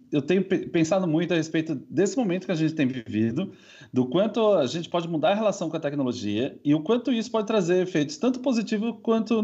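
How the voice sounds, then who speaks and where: A man's voice: high-pitched, mellow. A Brazilian man in his thirties with a Brazilian Portuguese accent, a guest expert musing thoughtfully with many hedges, over a video call from home. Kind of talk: reflective interview answers. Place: home room. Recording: muffled video-call audio.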